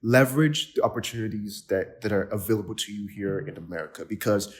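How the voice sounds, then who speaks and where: Hosting a casual interview on his podcast, a man from Nigeria talks fast in a lowish voice. His enthusiasm shows, along with frequent fillers and restarts.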